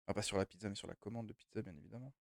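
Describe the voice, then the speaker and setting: A man's voice: lowish voice, very fast, gravelly, no echo, studio quality. A young man streaming a game from home, chatting loosely and rambling as he answers his chat. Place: home room.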